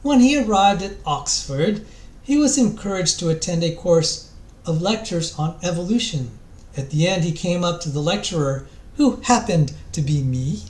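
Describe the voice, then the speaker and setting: Reading a book introduction with theatrical flair, a man pushes hard on his phrases. His voice sits high and is slightly mellow, captured in an echoey, roomy space.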